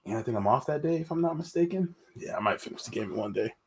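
A man's voice: mid-range voice, expressive, quick pace. A man co-hosting a casual chat, laid-back and profane, often laughing.

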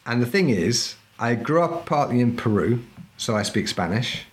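In a casual interview chat, a middle-aged historical fencing instructor appears as a podcast guest, speaking at normal speed in a sing-song, mid-range voice. He's chatty and emphatic and keeps asking "right?" to check in.

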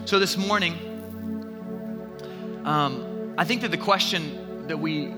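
A man in his thirties preaching a sermon, telling a story about his toddler son with lively, self-mocking energy and frequent restarts before turning earnest. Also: a little high, slow pace, music in the background. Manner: animated storytelling with self-deprecating laughs and repeated restarts. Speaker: pastor.

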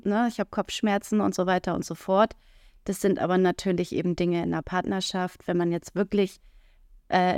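In a lowish voice, this podcast co-host chats casually with a blunt, down-to-earth manner. Filler noises come often, and every so often she acts out the lines she quotes. Her recording is close-miked and dry, free of room reverb.

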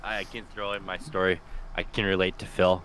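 A young man co-hosting a podcast, talking in an excitable, swearing casual chat. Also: low voice, a little fast, a little hiss or hum. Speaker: podcast co-host.

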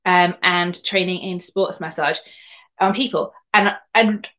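A woman's voice: fairly low pitch, fairly even intonation, unhurried, bright, forceful tone. Home counties Englishwoman, slightly muffled recording. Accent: southern English, home counties. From Surrey, England. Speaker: guest, equine sports massage therapist. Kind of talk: conversational interview storytelling.

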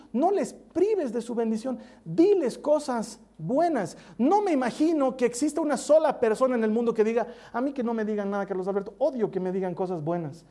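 Guy preaching, mellow darker voice, goes soft and close when telling family stories. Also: very high-pitched, breathy edge. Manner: warm storytelling with soft intimate asides. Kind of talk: sermon.

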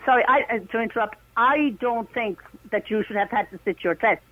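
A woman's voice: fairly high pitch, a little fast, no room sound, phone-quality sound. A middle-aged woman, chatting casually on a radio phone-in. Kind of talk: casual chat.

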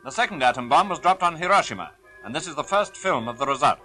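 A man's voice: a little high, lively intonation, fast, sharp tone, soft background music, poor audio. A man narrating an old 1940s newsreel in a formal, stern, declaiming manner, played back from an archive soundtrack. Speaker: newsreel announcer.

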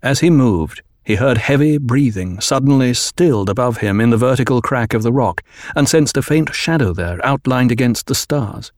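Man narrating an audiobook, measured. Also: medium pitch, dry recording, studio quality.

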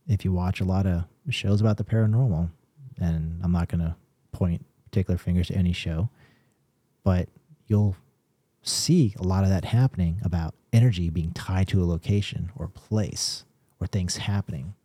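A man with a low, very dark voice talks through his ideas in an unhurried, explanatory way. He is co-hosting a casual podcast chat, often restarting his sentences, and the sound is dry and close. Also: husky, no room sound. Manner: measured, explanatory, with filler restarts. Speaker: podcast co-host, paranormal investigator.

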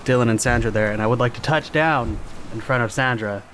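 A man's voice: mid-range voice, brisk, heavy background noise. A man talking casually and with swearing as a player in a tabletop role-playing game. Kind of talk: casual, profane gaming chat.

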